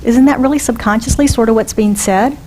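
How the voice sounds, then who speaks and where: Conversational woman minister, higher voice. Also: brisk, warm tone, rough recording. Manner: conversational, asks the congregation questions. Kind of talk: sermon. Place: church sanctuary.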